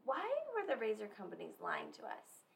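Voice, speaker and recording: A woman co-hosting a podcast in casual chat, reacting quickly and asking clarifying questions. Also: medium pitch, wildly swooping pitch, gravelly. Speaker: podcast co-host.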